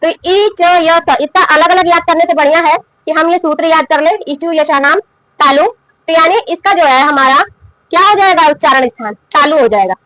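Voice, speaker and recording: A woman's voice: extremely high pitch, moderate pace, a bit bright, dry recording, low-quality recording. A woman teaching a grammar lesson, asking questions aloud and answering them herself, repeating key terms. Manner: coughs now and then. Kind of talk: classroom lesson explaining and drilling.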